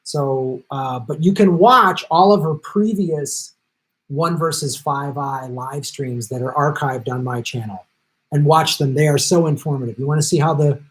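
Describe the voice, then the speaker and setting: This middle-aged livestream host speaks at a fairly high pitch, captured in poor audio. He chats casually and reads viewer comments while jet-lagged and losing his voice, thanking people by name and slipping in quick asides.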